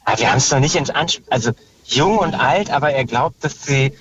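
A man's voice: medium pitch, lively intonation, a little fast, fairly bright tone. A man from Berlin calling in from a car with friends, cheeky and joking as he guesses. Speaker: caller. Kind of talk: call-in guessing game. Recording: muffled phone line from a car.

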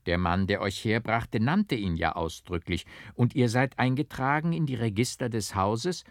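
A man voicing a calm, kindly clergyman who speaks gently and reassuringly in an audiobook. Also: medium pitch, normal speed, no room sound, clean studio sound, natural voice.

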